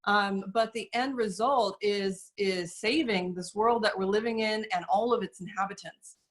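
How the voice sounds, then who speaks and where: A woman talks as an interview guest, measured and earnest, often pausing on fillers as she explains. Her voice sits at a middle pitch. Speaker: guest, soap company representative. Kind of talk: casual interview talk.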